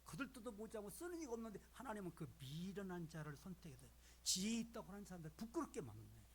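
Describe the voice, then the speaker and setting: A man in his seventies, a retired pastor, preaching in a folksy, animated way that sometimes drops to a hush. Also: high voice, fast talker, slight background noise. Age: 70s. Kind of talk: sermon. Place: church sanctuary.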